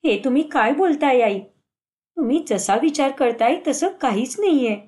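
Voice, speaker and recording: A woman's voice: high voice, expressive, measured pace. A woman voicing an accusing young daughter-in-law. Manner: sharp, accusing.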